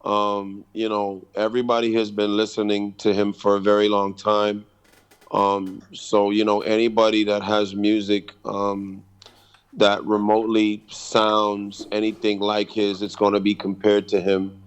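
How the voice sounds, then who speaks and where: A man from the Bahamas, a reggae artist in his thirties, giving a casual radio interview in a measured, hesitant way with many ums. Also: lowish voice, completely flat delivery, smooth. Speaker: guest reggae artist and producer.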